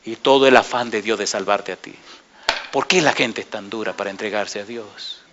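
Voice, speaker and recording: Pastor predicando con fuerza, voz brillante. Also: male voice, fairly low pitch, normal speed, muffled recording. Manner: preaches with many rhetorical questions to the congregation, lively storytelling. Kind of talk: sermon.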